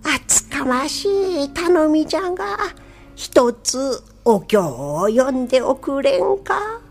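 A woman's voice: sits high, big pitch swings, slow pace, creaky, faint music behind, heavily acted. A woman voicing a kindly, hospitable old countrywoman in a folktale, speaking in rustic old-fashioned phrasing.

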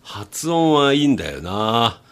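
A man doing comedic banter with an AI assistant, firing off rough, exasperated retorts. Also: mid-range voice, big pitch swings, a little slow.

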